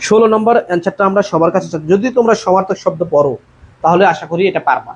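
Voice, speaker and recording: A man's voice: high-pitched, racing, breathy edge. A male admission tutor leading a live online class, reading out students' answers from the comments and asking the group to reply. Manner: calls students "bhaiya", reads out viewers' comment answers. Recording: dull lo-fi sound with faint noise.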